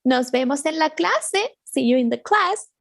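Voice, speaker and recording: Animated, high-voiced woman teaching. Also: gravelly, no room sound, clean studio sound. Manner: animated, exaggerated, slow repetitions with sound effects. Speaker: Spanish teacher. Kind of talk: children's language lesson.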